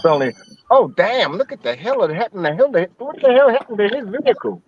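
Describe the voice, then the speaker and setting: American man, high voice, crude joking banter, car recording, dull lo-fi sound with faint hiss. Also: very animated, fairly quick. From United States. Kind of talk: casual chat while driving.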